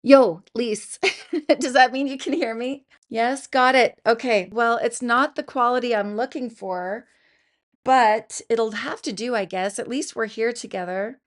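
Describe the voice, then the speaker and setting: A woman's voice: fairly high pitch, measured pace. A Canadian woman in her fifties, chatting casually on a livestream from her basement home studio, oversharing and apologizing as she greets viewers, through her computer's built-in mic. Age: 50s. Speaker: beauty vlogger. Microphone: computer mic, no good equipment.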